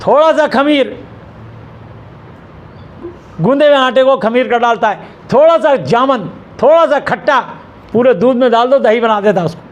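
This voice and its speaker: A middle-aged man pastor delivering an emphatic sermon in a church hall, asking rhetorical questions and answering them himself. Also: very high-pitched.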